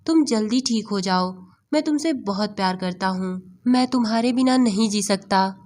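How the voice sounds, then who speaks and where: A woman reads the part of a grieving husband at a sickbed, his voice tearful and pleading. He speaks at an ordinary middle pitch, with steady storybook phrasing. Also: moderate pace, lightly acted.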